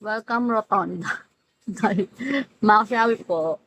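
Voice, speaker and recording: A woman hosts a casual livestream, greeting viewers and teasing them by name, laughing often and drawing the names out. Her medium-pitched voice is a bit bright and extremely slow. The audio is poor, with a little hiss or hum.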